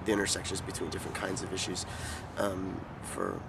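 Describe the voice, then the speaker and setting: With a fairly low voice and little pitch movement, a forties-aged activist from California responds to interview questions. He pauses often and restarts sentences, thoughtful yet halting, while clear street noise from the outdoor city setting runs behind him.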